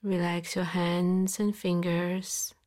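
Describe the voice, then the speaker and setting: Female meditation guide: soft, calm, slightly low and very even, unhurried, partly whispered. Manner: slow, soft, calm with long pauses. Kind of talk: guided body-scan relaxation.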